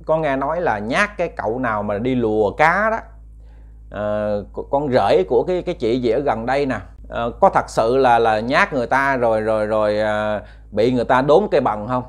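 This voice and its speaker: A man's voice: mid-range voice, moderate pace. A man telling a ghost story in a chatty, casual way, addressing his listeners with many fillers and repeats.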